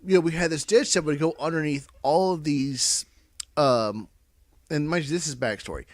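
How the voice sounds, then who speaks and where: A man's voice: fairly high pitch, normal speed, no echo, studio quality. An American man telling a casual, rambling story to friends while drunk, swearing and repeating himself as he goes. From Indiana, United States.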